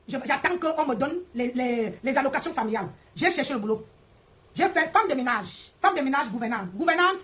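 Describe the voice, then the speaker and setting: A woman's voice: high-pitched, fairly bright tone. A woman hosting a live stream, ranting in a mocking, confrontational way and repeating her jabs. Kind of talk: heated live-stream rant.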